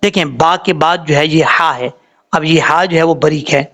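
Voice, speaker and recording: Pakistani urdu accent guy teaching quran tajweed, fairly high voice, patient, repeats each sound slow. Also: pushed and bright. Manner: patient, explains letter sounds slowly and repeats words. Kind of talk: tajweed lesson with spelled-out recitation.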